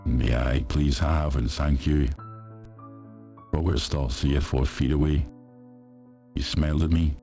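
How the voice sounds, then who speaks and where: A man narrating a first-person horror story in a steady, measured way. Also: extremely low pitch.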